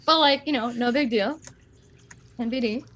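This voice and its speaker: A woman's voice: on the high side, normal speed, fairly bright tone, slight background noise. A woman player in a tabletop game, joking, giggling and greeting with theatrical flair. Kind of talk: playful tabletop role-play chat.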